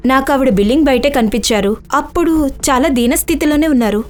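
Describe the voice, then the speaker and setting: A woman's voice: high-pitched, quick pace, faint music behind, natural voice. A woman dubbing a witness who earnestly explains things to the police. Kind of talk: dubbed TV crime drama.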